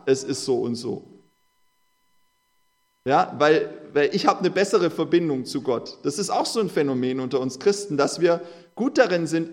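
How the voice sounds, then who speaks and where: A male preacher talking to his congregation in an earnest, conversational sermon. His voice sits a little higher than most men's. When he reads scripture he slows right down and leans on the words.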